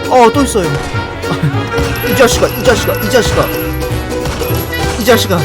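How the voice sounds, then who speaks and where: A man doing excitable live gameplay commentary, often repeating his phrases over and over. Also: high voice, unhurried, loud music behind the voice. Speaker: gaming streamer.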